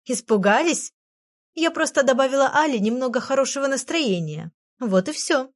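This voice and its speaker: A woman voicing a small, cheeky and proud female fairy in a high, perky voice. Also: animated, normal speed. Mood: teasing.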